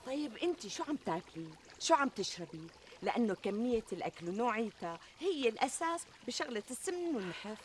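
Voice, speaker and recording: An actress playing a flattering, reassuring middle-aged Syrian friend who talks emphatically in a TV comedy. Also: female voice, fairly high pitch, quick pace. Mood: reassuring, curious. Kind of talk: conversational TV comedy sketch acting. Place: outdoors in a garden. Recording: outdoor ambience, trickling water noise.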